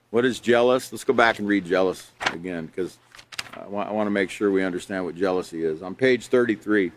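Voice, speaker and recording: A man's voice: low-pitched, moderate pace, a little hiss or hum. A man teaching a live character education class, reading out examples and patiently explaining them with rhetorical questions.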